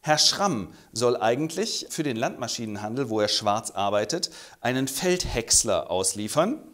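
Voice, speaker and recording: A man retelling a novel as comedy, talking fast and playful. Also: very animated, fairly bright tone. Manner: fast, playful, switches into squeaky character voices. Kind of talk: comic book recap with puppets and voices.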